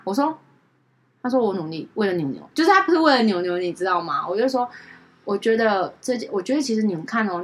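Brief: woman, pet communicator, rapid casual podcast storytelling, lively, voices the people she quotes. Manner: animated, acts out quoted dialogue with big pitch jumps.

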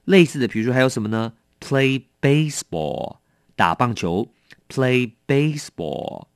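Lively male English teacher, dry sound. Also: medium pitch, clean tone, no room sound. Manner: explains words slowly, mixing Chinese and English. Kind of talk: bilingual vocabulary lesson.

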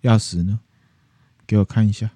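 Casting: a man playing a cold, threatening husband, low dark voice. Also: steady tone, moderate pace, husky, no echo. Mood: demanding. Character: menacing jealous nobleman, husband who kills wives.

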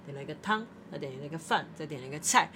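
A young woman rattles off stories at a quick clip, her voice sitting fairly low for a woman. She laughs often as she tells animated anecdotes in a casual chat. A faint hiss of background noise sits under the voice. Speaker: podcast co-host.

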